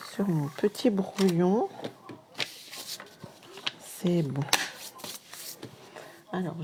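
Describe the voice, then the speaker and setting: A woman with a Marne French accent leads a live craft tutorial, chatting along as she works and speaking straight to her viewers. Her voice sits a little low and sounds warm and mellow. There is a faint hiss behind her. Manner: chatty, often talks straight to the viewers with "regardez" and "hein".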